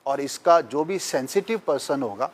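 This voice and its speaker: This guest speaker has a medium-pitched voice with lively intonation. On the talk show he explains things patiently, backing them up with emphatic examples.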